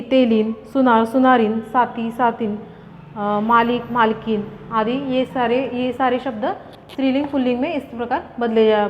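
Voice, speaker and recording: A woman teacher giving a grammar lesson, reading out example words and asking and answering her own questions. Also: on the high side. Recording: dull reverberant room recording.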